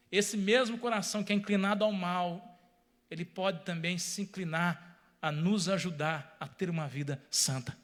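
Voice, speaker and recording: A man's voice: high voice, a bit bright. A man preaching a sermon, speaking emphatically, repeating phrases and addressing the congregation directly.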